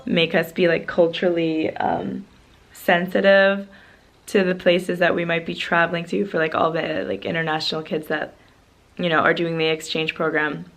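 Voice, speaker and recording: A woman's voice: fairly low pitch, normal speed, creaky, soft background music. A young woman from Canada, telling a story in a casual vlog and saying "like" constantly. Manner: heavy use of "like" filler, animated retelling. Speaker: travel vlogger.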